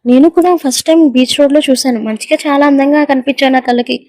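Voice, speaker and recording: A woman's voice: sits high, fairly even intonation, quick pace, a little mellow, no room sound, lightly acted. A woman voicing a callous, scornful young man who taunts his lover, in a read-aloud audio story. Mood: contemptuous. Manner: taunting and contemptuous.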